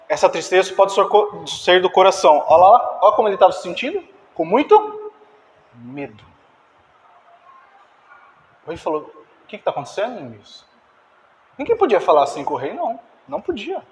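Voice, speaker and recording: A man's voice: on the high side, slight background noise. Man preaching in a reverberant hall. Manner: animated, acts out dialogue, directs slide operator. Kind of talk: sermon. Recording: distant reverberant church hall.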